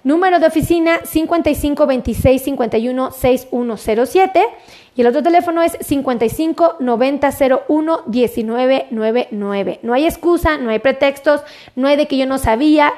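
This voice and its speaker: A woman's voice: sits high, a little fast. A woman doctor with a Mexican accent, chatting on a live stream from her office, explaining health in plain words and urging viewers again and again to share. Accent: Mexican Spanish. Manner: chatty, warm, repeats her pleas to share. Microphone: webcam or phone in her office.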